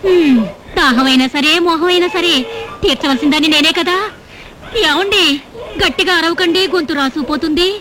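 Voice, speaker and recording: A doting, fussing wife in a dubbed film comedy, her voice sitting high. She coaxes her husband in a fond, persistent way. Film music plays behind her. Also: moderate pace. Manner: coaxing, fussing.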